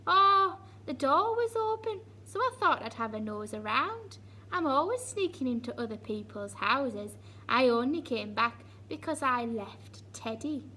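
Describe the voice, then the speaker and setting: A woman voicing cheeky young Goldilocks in a picture-book reading, bright, giggly and loud. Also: high-pitched, big pitch swings, unhurried, a little hiss or hum, heavily acted. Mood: breezy.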